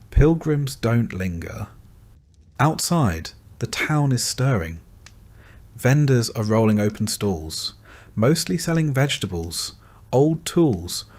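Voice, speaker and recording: A man narrating a scripted bedtime story in a calm, gentle second-person voice. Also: medium pitch.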